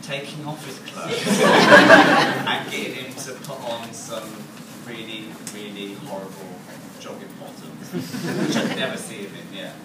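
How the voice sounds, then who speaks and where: A man's voice: fairly low pitch, a little slow. A man on a convention panel making a joking remark with laughs. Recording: echoey hall, distant, loud noise.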